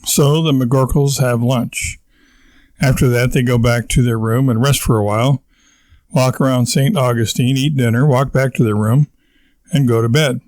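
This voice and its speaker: Man, audiobook narrator, steady measured reading, mid pitch, dry close sound. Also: no room sound. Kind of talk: scripted narration of a novel.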